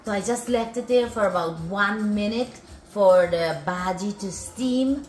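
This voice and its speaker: A middle-aged woman hosts a food vlog from her home kitchen, chatting casually in an unhurried, mid-range, somewhat dark voice. The room echoes and soft music plays behind her as she keeps repeating herself while exclaiming over the food.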